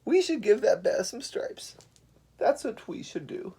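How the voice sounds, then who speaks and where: An eager female zebra from a picture book, voiced by a reader, pitched high. She is helpful and earnest, stretching out her phrases. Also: sing-song, unhurried, mellow, slightly rough, heavily acted.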